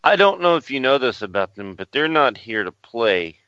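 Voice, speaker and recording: A man's voice: medium pitch, big pitch swings, moderate pace, sharp tone, no echo. A man co-hosting a casual wrestling chat, wisecracking with crude humour. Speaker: podcast co-host. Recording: dull, slightly lo-fi voice track.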